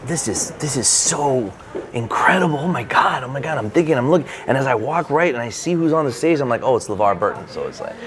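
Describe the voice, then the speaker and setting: A man, an author guest in an interview, telling a personal story in an animated way and acting out his own reactions, with many fillers. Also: fairly low pitch, noisy background. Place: bookstore event space.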